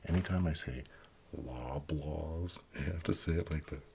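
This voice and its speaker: A middle-aged man doing soft-spoken ASMR, musing aloud in a near whisper with pauses, over crinkling paper. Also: extremely low pitch, creaky. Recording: steady noise, paper crinkling and clicks. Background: newspaper crinkling and page turning.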